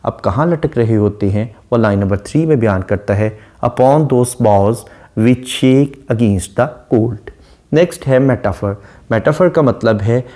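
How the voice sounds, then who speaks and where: Man lecturing slowly on a poem. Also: mid-range voice, darkish tone. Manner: slow, careful explanation, repeating key words and rhymes. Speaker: literature lecturer. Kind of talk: explanatory lecture.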